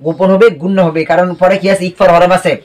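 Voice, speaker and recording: A man with a high voice leads a recitation lesson in a patient, drilling way. He asks a question, answers it himself, then repeats the word slowly. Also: level tone, darkish tone. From Bangladesh. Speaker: Quran reading teacher.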